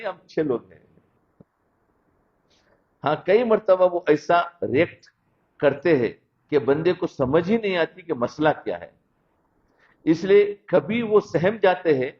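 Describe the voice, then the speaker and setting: Male preacher, sermon storytelling, slightly high voice, muffled lo-fi recording. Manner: storytelling, asks listeners "understood?". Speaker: Islamic preacher. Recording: dull lo-fi recording.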